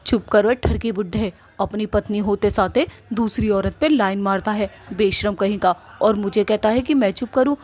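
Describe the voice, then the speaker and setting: A woman's voice: mid-range voice, moderate pace, few pauses, a little mellow, lightly acted. A woman voicing a fiery, defiant young witch bride in a cartoon story, hurling insults and threats.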